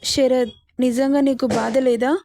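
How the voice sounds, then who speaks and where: A woman's voice: high-pitched, fairly even intonation, measured pace, vocal fry, dark tone, no room sound, clean studio sound. A woman voicing a naive, heartbroken young female student in a spoken story, pleading. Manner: pleading, later childlike.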